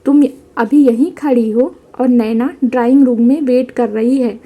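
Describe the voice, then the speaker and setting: Woman doing a young husband gently correcting his wife, highish mellow tone. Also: fairly even intonation, measured pace. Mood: patient. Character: young husband, patient and teasing.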